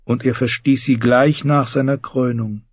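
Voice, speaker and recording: A man voicing a gaunt, guilt-ridden young zealot who preaches fervently in a raised, husky voice. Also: medium pitch, steady tone, unhurried, no echo, lo-fi sound, pitched above the performer's own voice. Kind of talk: audiobook reading.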